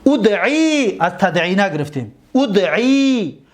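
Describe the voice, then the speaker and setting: A man teaching an Arabic grammar lesson, reciting word forms slowly and often checking whether his students follow. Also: high voice, animated. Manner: repeats and asks students if they follow.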